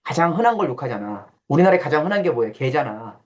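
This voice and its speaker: A man lectures a small room in a loose, joking way, with a lively voice that swings up and down. He is slightly high-pitched and blunt, and he teases his listeners with questions. The recording sounds dull and lo-fi. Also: fast. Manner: blunt and teasing, questions the audience; acts out quoted voices with coarse banter. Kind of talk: casual classroom lecture.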